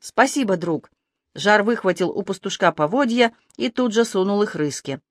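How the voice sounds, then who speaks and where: A lively audiobook narrator tells a fantasy adventure with a medium pitch that leaps higher and louder in the fast scenes. The recording is dry and close, with no room sound. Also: dry recording. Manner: lively expressive reading that shifts pitch and loudness for action.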